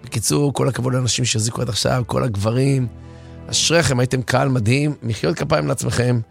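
A man giving an impassioned late-night radio sermon, hoarse and animated. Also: mid-range voice, faint music behind. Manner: animated, impassioned, acts out stories. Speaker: radio preacher. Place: radio studio.

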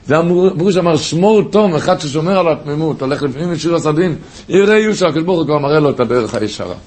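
A man preaching a sermon through stories, telling them with passion and rising to high cries. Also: expressive, a little mellow.

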